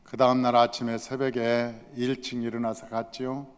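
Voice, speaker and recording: A male pastor preaching a sermon, acting out the story with sudden loud outbursts and quiet low asides. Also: level tone, moderate pace, clean tone, in a large hall. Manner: dramatic storytelling with swings from loud shouts to low murmurs.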